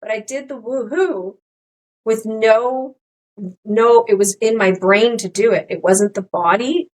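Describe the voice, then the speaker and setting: A middle-aged woman co-hosting a podcast, talking candidly in casual chat, rambling with many restarts and animated quotes of her own thoughts. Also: fairly high pitch, unhurried, low-quality recording. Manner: rambling, restarts often, animated quoting of herself. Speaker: podcast co-host.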